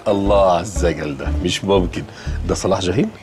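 An actor playing a jovial, easygoing company boss with an Egyptian accent, genial and joking. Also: male voice, low-pitched, fast talker, over music, lightly acted. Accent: Egyptian Arabic. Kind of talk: sitcom acting.

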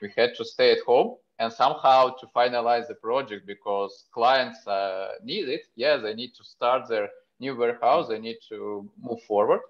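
A man speaking as a software company executive on a panel video call, halting and full of fillers. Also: medium pitch. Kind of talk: panel discussion. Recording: muffled video-call audio.

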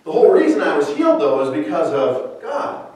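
Lively preacher in an echoey hall. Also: male voice, on the high side, a little fast. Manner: conversational, with rhetorical "right?". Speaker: pastor. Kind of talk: sermon. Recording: echoey hall, mic far off.

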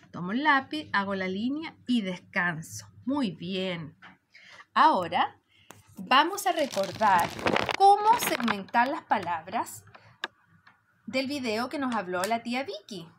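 A woman teaching preschoolers, patient and warm, stretching out syllables as she counts them. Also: a little high, slight background noise. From Chile. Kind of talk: slow lesson for young children.

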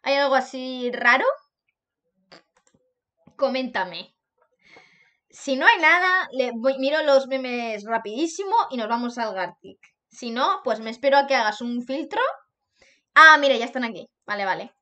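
A young Spanish woman with a high, bright-sounding voice chats live with her stream audience. She sounds bubbly, repeats herself, laughs often and slips into sing-song bursts. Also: lively intonation, unhurried, long pauses. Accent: Spanish, from Spain. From Spain. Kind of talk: live stream chat, reacting to fan art.

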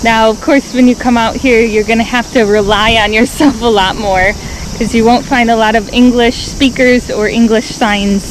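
A woman's voice: a little high, steady tone, moderate pace. A young woman talking casually to camera as she vlogs outdoors. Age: young adult. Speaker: vlogger. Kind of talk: casual vlog talk to camera. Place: outdoors on quiet suburban roads. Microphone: camera at arm's length. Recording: outdoor ambient noise, insects. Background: cicadas.

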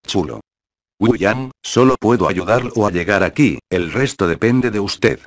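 A man reading the lines of a teasing, know-it-all young girl in a flat, low voice. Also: measured pace, no echo, clean studio sound. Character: cheeky meddling young girl, Bai Ou.

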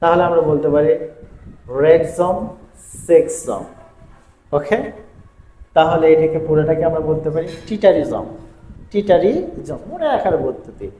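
A man teaching English grammar in a video lesson, going through word lists in a steady, repetitive rhythm. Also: fairly high pitch, normal speed, pauses often. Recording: echoey room with faint ambient noise.

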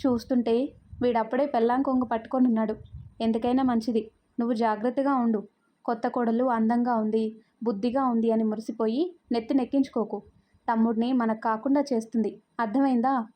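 A woman's voice: a little high, fairly even intonation, fairly quick, warm tone, close to an everyday voice. A woman storyteller voicing a meddling, suspicious older sister in a spoken story. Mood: nagging.

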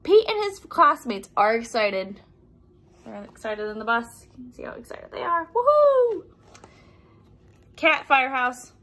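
Reading a children's picture book in a high voice, this young woman keeps a measured pace and leaves long pauses. Her delivery is lively, full of acted-out sound effects and exclamations, plus easy explanations.

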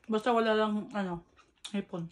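A woman's voice: medium pitch, fairly even intonation. Woman chatting with her mouth full. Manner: chatty, mixes in English words, fills pauses with "ano". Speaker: mukbang vlogger. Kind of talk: casual eating vlog chat.

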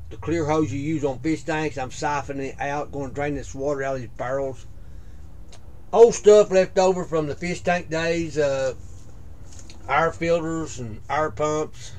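A man giving a casual walkthrough of his small greenhouse, plain-spoken and listing things with frequent "uh" pauses, recorded on a head-mounted camera. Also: a little high, darkish tone, a little hiss or hum. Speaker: video creator giving a greenhouse tour. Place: small greenhouse at night, indoors. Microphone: head-mounted action camera.

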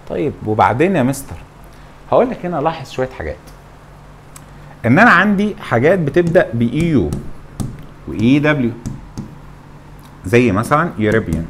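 A man's voice: mid-range voice, slight background noise. A young man with an Egyptian Arabic accent teaching English grammar, acting out both teacher and student in a mock back-and-forth. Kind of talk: lively classroom-style lecture.

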